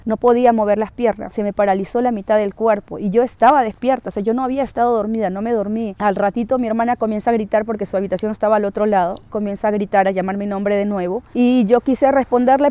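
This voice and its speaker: Woman, mellow higher voice. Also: no echo. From Peru. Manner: hesitant, with frequent tag questions and restarts. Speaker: guest telling her own paranormal experience. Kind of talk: first-person testimony, casual storytelling.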